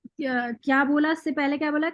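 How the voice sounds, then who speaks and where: A woman's voice: sits high, steady tone, brisk, dry recording. A woman teaching Quran recitation in an online class, explaining patiently step by step and reciting examples.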